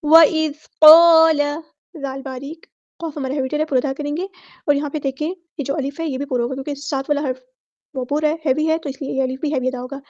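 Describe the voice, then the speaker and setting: A woman with an Urdu accent teaching Quran recitation rules word by word, explaining each rule quickly and then reciting the words slowly and loudly. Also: high voice, fairly even intonation, no echo, dull audio. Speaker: tajweed teacher.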